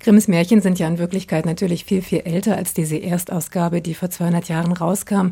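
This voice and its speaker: A woman's voice: on the low side, little pitch movement, fairly quick, warm tone, slightly rough, no echo. A woman presenting and interviewing as a public radio host, in a polished, articulate manner.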